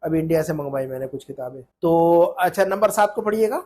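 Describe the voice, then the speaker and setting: Male Arabic tutor, high husky voice, patient and repetitive. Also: animated, a little fast, a little mellow. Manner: explains patiently, repeats points, often asks "है ना?". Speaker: Arabic teacher. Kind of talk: informal online Arabic lesson.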